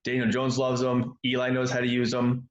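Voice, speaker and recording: Deliberate man on a dull, echoey line. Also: mid-range voice, monotone. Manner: measured, speaks deliberately slow. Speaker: co-host. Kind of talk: casual sports debate.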